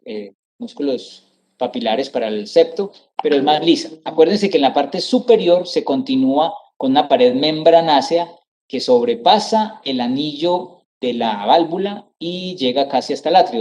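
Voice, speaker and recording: A man's voice: medium pitch, darkish tone. A middle-aged man giving an anatomy lecture over slides, explaining step by step, repeating terms and often checking with his students.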